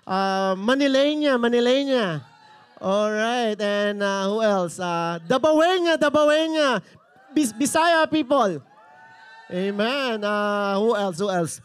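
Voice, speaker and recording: A man with a Filipino English accent and a strikingly high voice, preaching a church sermon. He talks with passion and rises to a shout at times. He keeps teasing and bantering with the congregation. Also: unhurried, clear, resonant tone. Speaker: pastor. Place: church service before a congregation.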